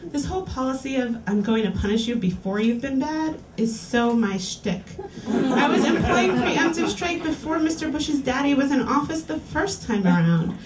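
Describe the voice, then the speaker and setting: With lively intonation and a higher voice, a reading series host reads erotica to an audience gathered in a small lounge bar, keeping her delivery clear and deliberate. The sound is a roomy, distant live capture taken from across the space, with a noisy background.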